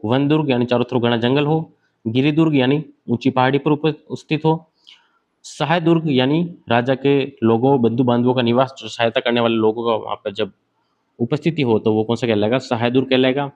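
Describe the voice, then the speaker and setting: A man's voice: medium pitch, fairly even intonation, normal speed, highs cut off. A man giving an exam-prep lecture, asking questions and answering them himself while he sketches on a board. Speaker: teacher.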